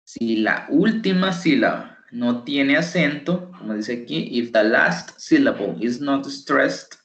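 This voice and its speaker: Slow, deliberate male tutor in echoey room. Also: medium pitch, fairly bright tone. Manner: slow, deliberate, repeats words for pronunciation drills. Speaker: English tutor. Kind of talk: online class teaching. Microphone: computer microphone.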